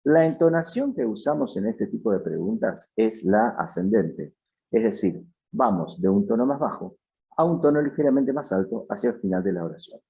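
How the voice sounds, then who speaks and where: A male English teacher walks through a scripted lesson in a low voice that swings widely in pitch. His tone is dark and mellow, and the recording is dull and somewhat lo-fi. He explains step by step and reads out example sentences. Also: very animated, moderate pace. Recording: dull, lo-fi sound.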